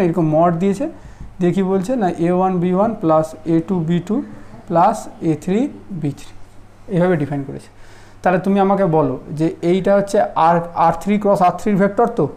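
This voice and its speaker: A man teaching a math lesson in a relaxed classroom style, often asking whether students follow. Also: sits high. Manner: conversational, checks understanding often.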